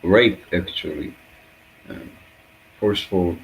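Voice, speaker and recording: In a low, creaky voice with a breathy edge, a man speaks Hebrew in an off-the-cuff spiritual reflection. His phrases come out halting and fragmented, with pauses as he searches for words, and the audio quality is poor.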